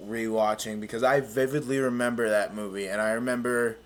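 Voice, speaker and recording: Male host, mid-pitched, easygoing, keeps his remarks short in casual conversation. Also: fairly even intonation, a little fast. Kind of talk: casual chat.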